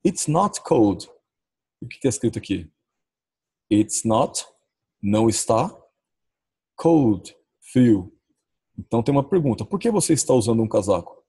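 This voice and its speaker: Husky, gravelly Brazilian teacher. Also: male voice, lowish voice, lively intonation, dark tone. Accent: Brazilian Portuguese. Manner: says English model phrases slowly and drawn out, often adds "ó". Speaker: English teacher. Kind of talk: recorded language lesson.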